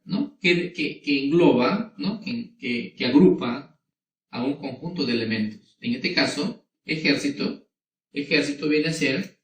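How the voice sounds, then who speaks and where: A male teacher giving a slow, patient lesson to children, often checking that they follow. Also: on the high side, gravelly, echoey room, recorded from a distance. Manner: slow and patient, asking many rhetorical questions. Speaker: schoolteacher. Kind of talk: recorded classroom lesson for children.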